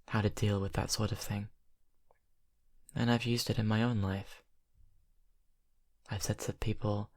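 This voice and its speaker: In an ASMR audio roleplay, a man voices a brooding young vampire with a low, gravelly tone. Hesitant and halting, he speaks in an intimate, confiding way as the character confesses something to his best friend.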